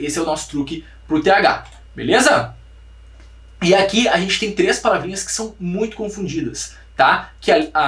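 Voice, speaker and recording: A man's voice: a little high, a bit bright. A man with a Brazilian Portuguese accent teaching English pronunciation in an online lesson, patiently explaining and modeling words for students to repeat. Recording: echoey room, voice a bit far from the mic.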